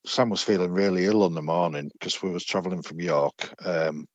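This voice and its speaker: A man's voice: low voice, a little fast, no room sound. A middle-aged man telling a personal story as a podcast guest, chatty and hesitant, with many fillers and restarts. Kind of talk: storytelling in a casual interview.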